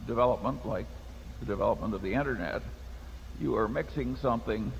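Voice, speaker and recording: A man's voice: medium pitch, creaky, slight background noise. An older man speaking bluntly and earthily from a stage table in a large hall, on a table mic. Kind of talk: unscripted Q&A answer. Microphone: table microphone. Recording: reverberant hall with faint ambience.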